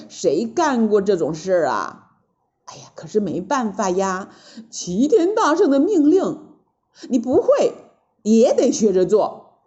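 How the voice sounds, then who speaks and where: Slow, animated woman storyteller. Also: a little high, muffled recording. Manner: animated, exclaiming, many interjections. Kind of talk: children's story narration.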